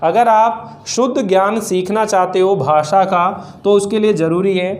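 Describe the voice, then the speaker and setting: A man's voice: high-pitched, steady tone, a little slow. A man teaching Hindi grammar to students with a Rajasthani Hindi accent, patiently repeating each point as a question and answer and sounding out each vowel one by one. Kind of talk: classroom lesson to students.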